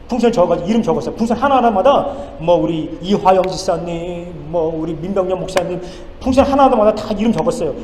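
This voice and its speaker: Middle-aged male pastor, high mellow voice, emphatic sermon delivery, echoey church hall with faint noise. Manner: emphatic preaching, swings between loud pleas and hushed storytelling. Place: church sanctuary.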